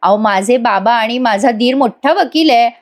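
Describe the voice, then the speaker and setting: A woman's voice: on the high side, moderate pace, close to an everyday voice. Woman retelling as a scheming young wife. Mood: evasive.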